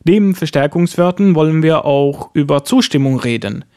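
A man presenting a scripted language lesson, his voice sitting a little higher than most men's. He slows down to lay out each example word with care. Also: lively intonation, darkish tone, clear, resonant tone. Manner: slow, careful spelling out of example words. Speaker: language teacher host.

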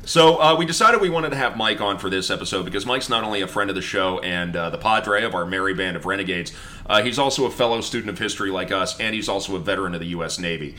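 A man's voice: deep voice, fast talker, pushed and bright. A man hosting a podcast in casual, bantering talk. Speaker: podcast host.

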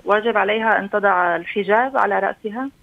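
A woman's voice: medium pitch, quick pace, creaky. A woman calling in over the phone, politely asking her questions directly. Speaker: caller. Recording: muffled phone line.

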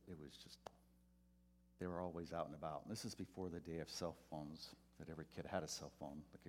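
A pastor delivers a sermon through a personal story, his voice sitting very low. He grows animated and loud as the story builds, and he acts out the voices of the people in it. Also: a little hiss or hum.

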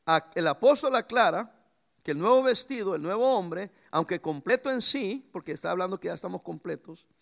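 Male pastor, high gravelly voice, very lively swings in pitch, preaching with homely stories. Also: brisk. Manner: lively preaching with sudden pitch jumps and anecdotes. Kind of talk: sermon.

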